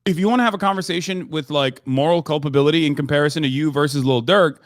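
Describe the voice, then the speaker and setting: A man's voice: fairly high pitch, quick pace, no echo, studio quality. Man debating, lots of fillers and restarts. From Turkey. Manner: hesitant, many fillers and restarts, swearing. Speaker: streamer and political commentator. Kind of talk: heated debate on a live stream.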